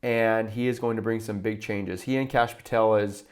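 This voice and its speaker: A man's voice: on the low side, fairly even intonation, normal speed. A man hosting a show, giving political commentary as he introduces and reacts to clips.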